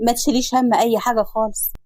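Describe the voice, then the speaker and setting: A woman's voice: on the high side, fairly even intonation, very fast, darkish tone, dry recording, clean studio sound, lightly acted. A woman with an Egyptian Arabic accent voicing a generous married woman wronged by her siblings, speaking emotionally. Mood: warm. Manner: emotional, pleading, indignant.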